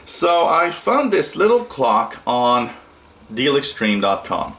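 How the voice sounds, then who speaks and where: Recorded in low quality, a man with a medium-pitched, sing-song, somewhat bright voice talks slowly. He's a Canadian shortwave radio hobbyist at a radio desk in a small room, presenting a product through a relaxed, unscripted tutorial full of hesitation and rambling.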